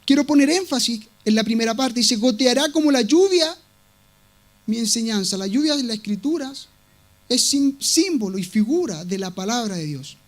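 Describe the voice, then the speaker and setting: A man preaching a sermon in a strikingly high voice. He is emphatic and insistent, circling back to the same words to drive each point home. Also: expressive, moderate pace. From Latin America. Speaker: pastor.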